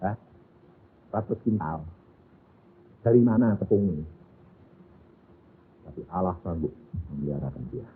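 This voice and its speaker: An older man preaching a sermon, firing rhetorical questions at the congregation and dropping from loud to hushed. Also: low-pitched, expressive, a little slow, long pauses, husky. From Central Java, Indonesia. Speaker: evangelist preacher. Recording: tinny, phone-like lo-fi sound.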